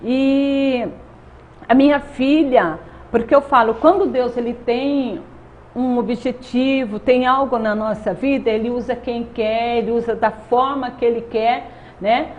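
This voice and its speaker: A woman in her thirties with a Brazilian Portuguese accent gives an earnest faith testimony as an interview guest, often tacking on "né?". Her voice is a little high and a little slow, with fairly even intonation. The sound is dull and lo-fi with faint noise.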